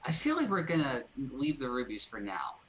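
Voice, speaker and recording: A man's voice: medium pitch, huge pitch swings, normal speed, a loud crowd, poor audio. A man speaking casually as a tabletop player, tentative and hedging his suggestions.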